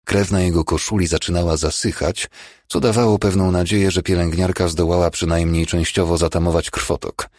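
A man reading a novel aloud as an audiobook narrator, in an expressive way. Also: sits low, fairly quick, dry recording, studio quality. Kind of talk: scripted narration.

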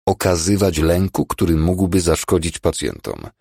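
A man voicing a calm, firm emergency doctor in an audiobook. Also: low-pitched, moderate pace, vocal fry, slightly rough, dry recording, studio quality, full character voice. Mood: lecturing.

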